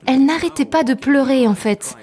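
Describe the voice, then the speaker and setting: A woman giving a calm, measured personal testimony as a translated voice-over. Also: sits high. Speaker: testimony narrator.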